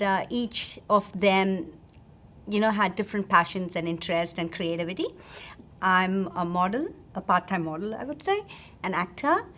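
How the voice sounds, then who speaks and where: A middle-aged woman talks through her answers in an interview, calm and explanatory. Her voice sits in a middle register, and she pauses often on small fillers as she builds each point. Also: medium pitch. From India. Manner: measured, explanatory, with frequent fillers. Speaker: interview guest.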